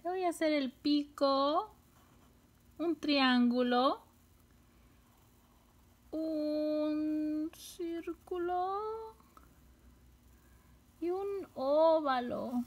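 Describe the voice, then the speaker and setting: A woman teaching a children's phonics lesson, sounding out syllables slowly and stretching the words, with playful, exaggerated surprise. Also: high voice. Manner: slow, drawn-out sounding of syllables.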